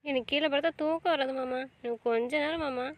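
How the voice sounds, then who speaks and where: An actress playing a sleepy, stubborn young wife who coaxes and whines. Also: female voice, sits high, fairly quick. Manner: coaxing and whiny. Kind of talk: family web-series drama acting.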